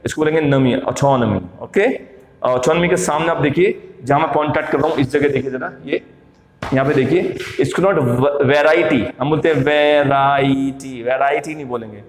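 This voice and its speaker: A man's voice: a little high, fairly quick. Man teaching pronunciation in an echoey room. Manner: repetitive, quizzing the viewers; mixes Hindi and English. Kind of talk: spoken English lesson. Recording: echoey room with long reverb.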